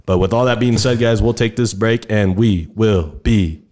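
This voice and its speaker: Lower-voiced young man hosting a podcast. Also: normal speed, a little mellow. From El Paso, Texas. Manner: loose, swearing, steers the segments. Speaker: podcast host. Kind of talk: casual chat.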